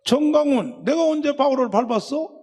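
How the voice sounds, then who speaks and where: An older man, a pastor preaching a live sermon to a congregation, combative and mocking, scolding listeners in rough slang. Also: very high-pitched, expressive, fairly quick, a little mellow, in a large hall.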